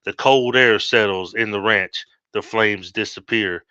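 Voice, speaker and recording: A man's voice: lowish voice, measured pace, sharp tone, clean tone, no room sound. A man reading his own horror story aloud steadily, with small slips, on a dull lo-fi recording.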